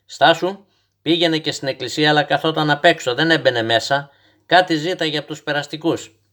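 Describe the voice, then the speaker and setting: A stubborn, dreamy old grandfather from a storybook, as a man reads him, telling outlandish tales with calm, patient certainty. He is gently instructive and never flustered, as if every wild detail were plain fact. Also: fairly high pitch, lightly acted.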